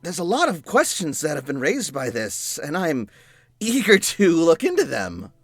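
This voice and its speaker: A man voicing a measured, apologetic researcher father in a tabletop role-play. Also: a little high, wildly swooping pitch, no room sound, full character voice. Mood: earnest. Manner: measured, explanatory.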